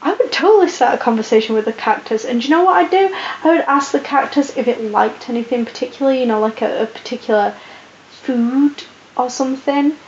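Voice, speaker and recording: A sleep-deprived young vlogger rambles through viewer questions in a croaky voice and a put-on posh British accent, pitched high and talking a little fast. The casual Q&A is full of ums and restarts. It's recorded in an echoey room with dull lo-fi audio and a faint hiss.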